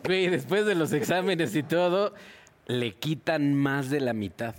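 A Mexican man tells crude jokes to a group of friends in a slightly high voice. He rambles and leans on slang throughout. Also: animated, unhurried. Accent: Mexican Spanish. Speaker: joke teller. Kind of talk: casual joke telling among friends.

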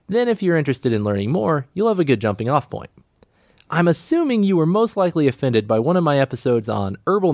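A man hosting a science podcast, answering listener comments and explaining calmly and clearly. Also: mid-range voice, no room sound, studio quality. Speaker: podcast host.

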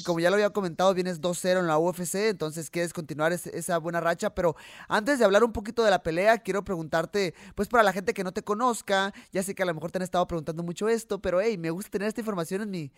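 A man's voice: high voice, fast, dry recording, studio quality. A young Mexican man with a Mexican accent, hosting a podcast interview in a friendly, chatty way. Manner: friendly, chatty, frequent fillers. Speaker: podcast host and fighter. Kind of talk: casual interview chat.

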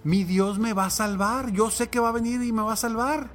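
A man's voice: high-pitched, steady tone, brisk, a bit bright, faint music behind, voice pushed up. A man voicing a stubborn drowning man who keeps refusing rescue, insisting and reproachful.

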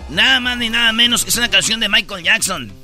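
A man's voice: sits high, lively intonation, a little fast, over loud music. A Mexican man hosting a radio show, telling a news story with slangy, jokey commentary. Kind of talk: casual comedic commentary.

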